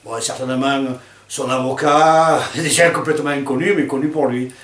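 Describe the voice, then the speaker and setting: An older man telling a personal anecdote in a chatty, lively way, with fillers and laughs. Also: mid-range voice, moderate pace. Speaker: storyteller. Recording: roomy sound from a distant mic.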